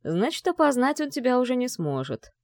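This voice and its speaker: A woman's voice: fairly high pitch, very animated, brisk, no room sound, voice pushed up. A cold, scornful father growls and sneers in a harsh, mocking way, as a woman narrator puts him on. The audiobook reading is recorded dry and close, with no room sound. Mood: coldly businesslike. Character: menacing, scornful rich older father, a man.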